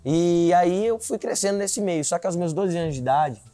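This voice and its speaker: A man's voice: high voice, animated, moderate pace, warm tone, no room sound. A man in his twenties, a city council candidate, earnestly telling his life story in an interview, often adding filler tags. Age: 20s.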